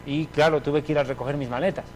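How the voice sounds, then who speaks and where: A man giving a personal religious testimony in an emphatic, animated storytelling manner. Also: fairly high pitch, fast talker, a little hiss or hum, rough recording.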